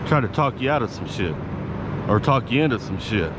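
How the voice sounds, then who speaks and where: A YouTube vlogger rambles casually to camera in a laid-back, slangy way, swearing now and then. His voice is fairly low with lively intonation and a slightly fast pace. The action camera clipped to his hat picks up clear outdoor and vehicle noise in the background.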